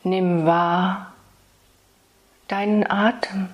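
A woman speaking as a spiritual meditation guide, soothing and intimate, addressing the listener solemnly and tenderly with long pauses. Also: medium pitch, fairly even intonation, lo-fi sound. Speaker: spiritual meditation guide delivering channeled messages.

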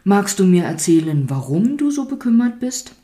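A woman reading a storybook aloud, voicing a small, curious old woman who speaks gently and with understanding. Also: mid-range voice, very animated, moderate pace, pitched above the performer's own voice, close to an everyday voice. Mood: gentle.

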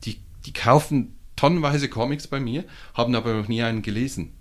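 A man with a Swiss German accent, a comic shop owner talking casually as a podcast guest, animated and full of fillers and restarts. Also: medium pitch, fairly quick. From Switzerland.

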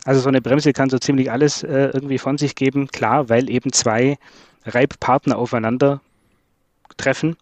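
A man talks through trailer brake technology in a relaxed podcast conversation. He explains things at length, often repeating words and filling pauses with "ähm". The recording is close and dry, with no room sound. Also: mid-range voice, no room sound. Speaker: trailer brake expert guest.

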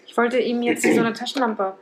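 A woman's voice: fairly high pitch, steady tone, heavy background noise. A woman in casual podcast chat, cracking jokes and bantering with her co-hosts. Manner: joking interjections and quick banter. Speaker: podcast co-host.

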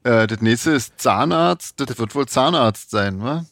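A man co-hosting a podcast, chatting casually in a relaxed, musing way with lots of short agreements. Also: mid-range voice, measured pace, dry recording. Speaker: podcast co-host. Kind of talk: casual chat.

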